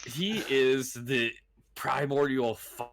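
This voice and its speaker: A man voicing a captive fire cultist who talks slowly and haltingly, his voice breaking up into robotic dropouts over an online call. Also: medium pitch, fairly bright tone. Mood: devout. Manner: slow, halting, stammering. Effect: call audio breaking up, robotic dropouts.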